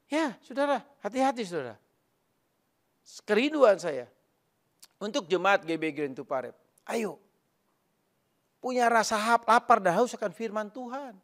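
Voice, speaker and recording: A man's voice: high voice, lively intonation, measured pace, long pauses, fairly bright tone. A male pastor preaching a sermon, emphatic and repetitive, often turning to address the congregation directly.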